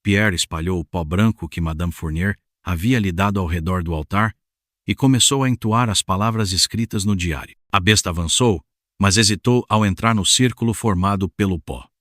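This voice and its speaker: Deep-voiced man narrating horror. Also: a bit bright, no room sound, clean studio sound.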